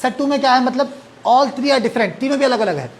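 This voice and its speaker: A man's voice: very high-pitched, animated, brisk. A male English teacher, giving a classroom lesson. He drills words, repeats them and asks the class questions. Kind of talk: classroom lesson mixing English and Hindi-Urdu.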